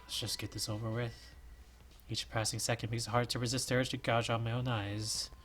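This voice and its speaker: A man's voice: medium pitch, fairly quick, background noise. A man hosting a reaction video, reading a fan game aloud and voicing each character, with a sore throat. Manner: animated, switching voices for each character.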